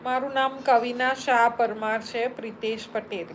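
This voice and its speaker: A woman's voice: a little high, fairly even intonation, normal speed, a little hiss or hum, low-quality recording. A Gujarati woman hosting a live stream, chatting casually as she reads viewer comments aloud and answers them one by one. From Gujarat, India.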